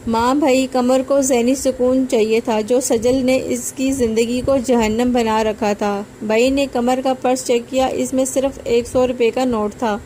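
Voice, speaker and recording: Mellow-voiced woman telling a storybook. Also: a little high, steady tone, hardly any pauses, a little hiss or hum, rough recording. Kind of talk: narrated moral storybook.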